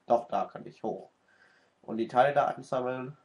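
A man with a stuffy nose from a cold, doing excitable let's-play commentary and cursing at the game. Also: medium pitch, moderate pace. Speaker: let's player.

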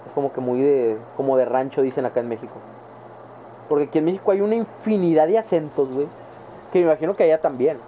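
A young adult man with a northern Mexican accent, chatting casually and rambling in slang to his viewers during a live game stream. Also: fairly high pitch. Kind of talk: casual chat while gaming live. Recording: tinny phone-like sound with faint background noise.

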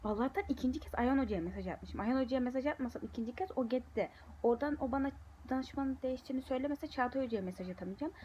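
Young female student vlogger, fairly high voice, rambling and exasperated, faint hiss behind. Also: racing, a little mellow, muffled recording. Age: young adult. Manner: frustrated, rambling venting. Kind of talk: casual vlog talking to viewers.

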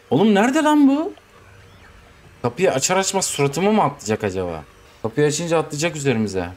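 A young man with a Turkish accent, commenting as he plays a horror game, jumpy and swearing, talking to himself and the game. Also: fairly high pitch. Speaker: gaming YouTuber.

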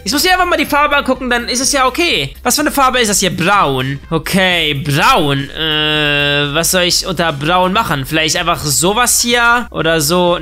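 Lively young man, bright voice. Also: sits high. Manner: animated, joking, talks to the game characters. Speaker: gaming YouTuber. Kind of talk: casual let's-play commentary.

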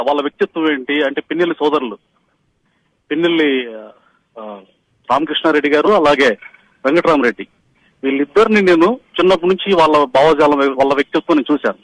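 The audio is poor on this phone call from a middle-aged Andhra Pradesh man with a fairly high-pitched voice. Working as a party polling agent, he delivers an urgent, insistent retelling to reporters.

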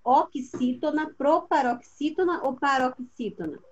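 A woman's voice: sits high, a little slow, muffled recording. A woman teaching a primary school class over a video call. She asks her pupils patient questions and calls on them by name. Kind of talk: online class instruction.

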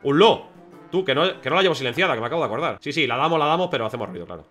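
A man with a Spain Spanish accent giving chatty, excitable live gameplay commentary to his viewers. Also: mid-range voice, very fast, soft background music. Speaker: gaming streamer.

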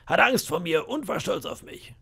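A man voicing a boastful, scheming pirate cook of about fifty, with a gravelly, raspy voice and a sly, bragging manner. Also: high voice, animated, moderate pace, bright, forceful tone, voice pushed up, exaggerated voice. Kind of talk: audiobook character voice.

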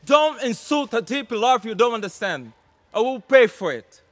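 A performer playing Demetrius, a proud, jealous young male lover who declaims slowly. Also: sits high, expressive, a bit bright, no room sound. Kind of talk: outdoor stage acting.

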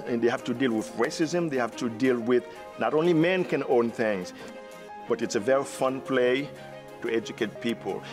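A man's voice: medium pitch, normal speed, over music. A middle-aged man from Haiti with a Haitian accent, a theater director speaking earnestly in an interview, with many restarts. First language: Haitian Creole. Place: indoor theater seating.

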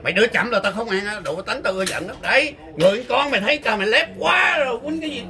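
High-voiced southern Vietnamese man trash-talking. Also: expressive, fast talker, music in the background. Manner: teasing, boastful, laughs a lot. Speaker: street chess player. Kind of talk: casual trash-talking banter over a game. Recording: crowd chatter behind.

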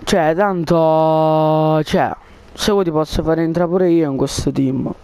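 Rambling man with a smooth, higher voice. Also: fairly even intonation, slow pace, a little mellow, no echo. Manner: rambling, full of fillers and coaxing. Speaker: gaming video creator. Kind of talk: casual gaming chat and prank.

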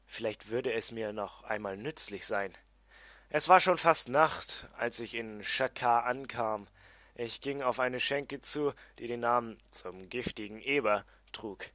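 Guy reading his fantasy story, bright voice, dry close sound, a bit uneven. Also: mid-range voice, dry recording. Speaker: amateur audiobook reader.

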